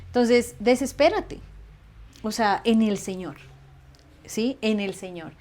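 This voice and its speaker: A woman, chatting as an interview guest in an animated way, laughing often. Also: a little high, takes it slowly. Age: 30s. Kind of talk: casual conversational interview.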